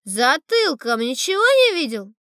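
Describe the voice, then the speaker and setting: A woman's voice: high-pitched, very animated, a little slow, sharp tone, no room sound, studio quality, voice pushed up, exaggerated voice. A woman reading a storybook voices a rambling, wistful old sailor who talks in a confiding way. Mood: teasing. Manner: rambling, confiding, calls the boy "brother".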